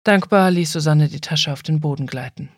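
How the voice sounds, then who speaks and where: A woman narrating an audiobook in a calm, even storytelling manner, recorded dry and close. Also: sits low, brisk, no room sound. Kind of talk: scripted narration.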